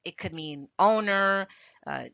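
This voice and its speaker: A language teacher gives an informal video lesson, arguing her points firmly and emphatically and rebutting with rhetorical questions. Her medium-pitched voice is slow, gravelly, pushed and bright, recorded dry with dull audio.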